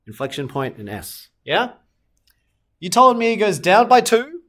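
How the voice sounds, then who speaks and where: A man with a slightly high voice explains maths step by step in a recorded lesson. He poses questions to students and answers them himself, fixing his sketches aloud as he draws. Soft clicks come in behind him. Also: sing-song, unhurried. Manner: talks students through steps, asks and answers own questions; self-correcting while sketching on screen. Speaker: maths teacher.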